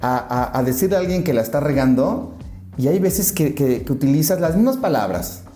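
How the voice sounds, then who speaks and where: A man hosts a relaxed podcast discussion with an energetic, restarting manner. His voice is warm and dark. The room around him sounds echoey. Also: a little high, normal speed, soft background music. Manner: energetic, many restarts, steers the conversation. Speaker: podcast host and moderator.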